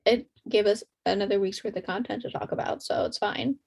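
A young woman co-hosts a podcast in a casual, conversational style. Her voice sits at a middle pitch for a woman. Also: fairly even intonation, brisk, gravelly, darkish tone, husky. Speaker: podcast co-host.

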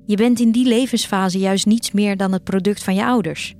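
Soft music plays beneath a woman's natural, somewhat mellow mid-range voice, delivered at normal speed in a steady tone. Acting as narrator and voice actor, she portrays a yearning teenage girl relating her own story in first-person scripted narration for an audio drama, with an intimate, reflective mood.

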